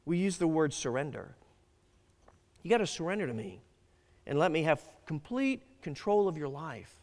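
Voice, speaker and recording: Preaching a sermon in a big sanctuary full of long reverb, a male pastor speaks in a high, sing-song voice with a darkish tone and wide pitch swings. He's earnest and emphatic at a moderate pace, often stopping to start a phrase over.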